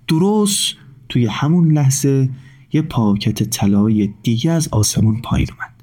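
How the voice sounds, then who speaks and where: A man narrating a children's story in a gentle, measured reading voice. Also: medium pitch.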